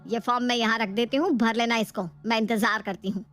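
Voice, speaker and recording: A bossy older mother-in-law from a cartoon story, voiced by a woman, who gives orders and scolds her grown son while shielding her daughter-in-law. Her voice sits fairly high and is lifted a little above the speaker's usual tone. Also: steady tone, fairly quick, a bit bright, soft background music, close to an everyday voice. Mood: coaxing. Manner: commanding, scolding. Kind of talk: cartoon voice acting.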